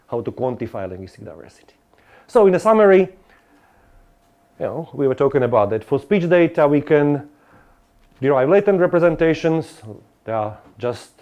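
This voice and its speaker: A man's voice: a little high, dark tone. Man giving a lecture. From Slovakia. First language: Slovak. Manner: discursive, many restarts and asides to the audience. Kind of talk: academic lecture.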